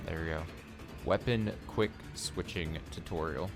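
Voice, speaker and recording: A man with a very low, deep voice offers casual gameplay commentary while streaming a video game, loose and chatty at a measured pace. New gear gets him excited, and he reads item text aloud over faint game music.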